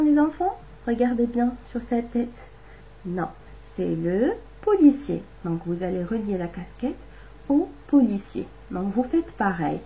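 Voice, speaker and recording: A woman gives a reading lesson to young children, breaking words into syllables with patient care. Her pace is slow and deliberate and her voice sits warm and soft. A light hiss of room ambience runs underneath. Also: medium pitch, rough recording. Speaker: primary school teacher.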